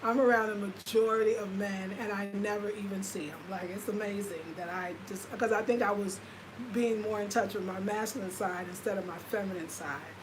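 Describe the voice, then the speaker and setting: This American woman in her fifties, a lifestyle vlogger, speaks fairly quickly in a mid-range voice with fairly even intonation. She confides casually in her livestream viewers, filling her talk with fillers, over a noisy background.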